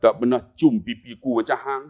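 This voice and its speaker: A gruff old father-in-law, blunt and moved, speaking, as a man preaching puts him on. He sounds gravelly and plain-spoken, a sharp drop from the speaker's usual high tone. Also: fairly even intonation, moderate pace, natural voice. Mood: gruff, touched.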